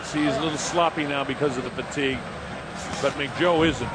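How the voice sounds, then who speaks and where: Higher-voiced male boxing analyst over loud noise. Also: fairly even intonation, fairly quick. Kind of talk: live fight commentary. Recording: loud arena noise throughout. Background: noisy live boxing venue.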